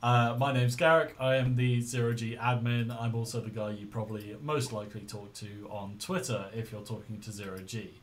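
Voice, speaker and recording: A man's voice: mid-range voice, level tone, a little fast, few pauses, a little hiss or hum. A man hosting a podcast in casual, informal, rambling style, speaking into a laptop's built-in microphone. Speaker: podcast host.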